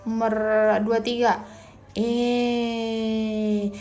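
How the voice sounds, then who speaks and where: A young woman runs a casual live-stream language lesson, talking in a relaxed, chatty way and sprinkling Japanese phrases through her explanations. Her voice sits a little on the high side. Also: very slow.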